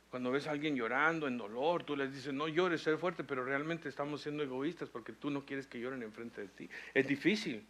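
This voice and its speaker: Bright-voiced preaching pastor, man. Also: mid-range voice. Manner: preaching with rising intensity and slow emphatic phrases. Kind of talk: sermon.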